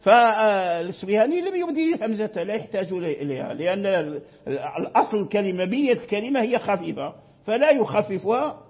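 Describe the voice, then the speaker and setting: A man's voice: high-pitched, slightly rough, muffled recording. A man teaching Quranic readings in a classroom lecture, repeating phrases and checking that his students understand.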